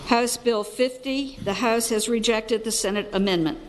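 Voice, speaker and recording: A woman's voice: fairly high pitch, moderate pace, big-room sound, a little hiss or hum, rough recording. A woman serving as senate clerk, announcing vote tallies and bill numbers in a matter-of-fact way.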